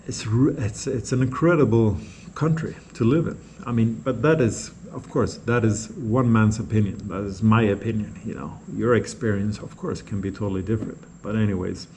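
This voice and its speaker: There's a little hiss or hum as a Norwegian man answers viewer comments in his vlog, his voice low and somewhat mellow. Speaking his native Norwegian, he rambles off the cuff and repeats words.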